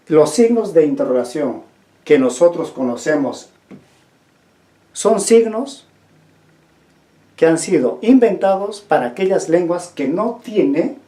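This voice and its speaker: A teacher explains a language lesson in a mellow, warm voice that swings up and down with emphasis. The teacher checks understanding with questions to the class and restates each point. The recording carries a noticeable roomy echo. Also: mid-range voice. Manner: asks the class questions and repeats key points.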